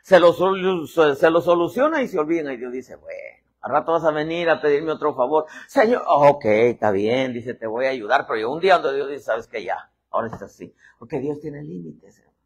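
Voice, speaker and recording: A man's voice: fairly high pitch, fairly quick, slightly rough. A man preaching a sermon. He acts out voices and keeps calling the listeners "hermano". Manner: animated preacher acting out voices, constantly saying "hermano". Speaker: apostle preaching.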